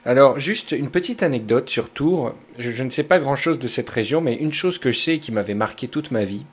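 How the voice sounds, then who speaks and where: A man's voice: mid-range voice, lively intonation, fairly quick, breathy edge. Rambling man with a Southern French accent. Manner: rambling, anecdotal, digressive. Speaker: podcast host. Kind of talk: casual podcast chat presenting music.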